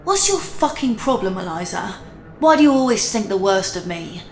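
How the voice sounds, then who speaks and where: A woman's voice: lively intonation, moderate pace, darkish tone, echoey room, faint music behind, close to an everyday voice. A woman voicing a menacing, volatile ex-boyfriend. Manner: mock-friendly, then low and dangerous. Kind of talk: horror story narration.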